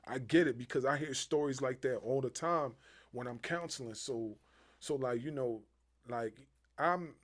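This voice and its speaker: A man's voice: mid-range voice, moderate pace. A man hosting a wrestling podcast, chatting casually and animatedly with lots of fillers. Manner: animated, rambling with many fillers. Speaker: podcast host. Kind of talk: casual interview chat.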